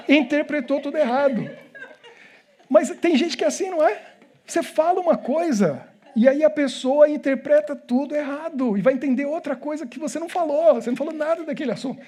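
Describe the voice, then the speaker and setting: A man's voice: extremely high pitch, brisk, darkish tone. A Brazilian man with a Brazilian Portuguese accent preaching a sermon to his congregation, telling jokes and asking rhetorical questions. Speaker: pastor. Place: church hall.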